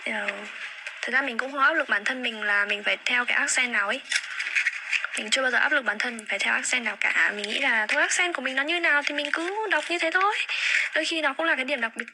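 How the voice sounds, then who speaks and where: A woman's voice: sits high, quick pace. Chatty woman livestreaming. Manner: chatty, repeats words while searching for them. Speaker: livestream host. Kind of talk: casual livestream chat. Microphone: phone. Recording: phone livestream with steady background noise.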